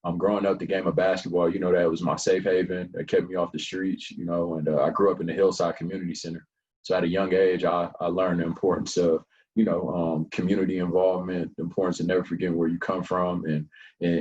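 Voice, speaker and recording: Low, flat-voiced young man telling his story. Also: highs cut off. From Colorado Springs, USA. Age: young adult. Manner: long-winded, relaxed storyteller with frequent fillers. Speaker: nonprofit founder and guest. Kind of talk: casual interview chat.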